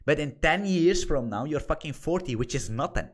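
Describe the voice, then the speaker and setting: A man in his thirties whose first language is Dutch teaches an informal online course through screen-share, speaking in a rather high, animated voice at normal speed. As the instructor he's blunt, swears, and repeats his points for emphasis.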